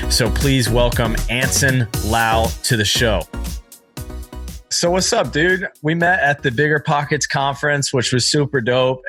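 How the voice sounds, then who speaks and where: A man's voice: mid-range voice, a bit bright. Upbeat young male podcast host. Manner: upbeat, casual slang. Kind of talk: casual podcast interview. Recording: music bed behind voice.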